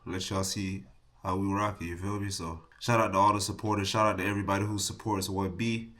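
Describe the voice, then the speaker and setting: A man's voice: low-pitched, flat delivery, brisk, a bit bright. A young man from Miami vlogging casually from his home office, congested and nasal from a cold, talking in laid-back slang with motivational asides. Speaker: clothing brand co-owner. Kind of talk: casual vlog talk to camera.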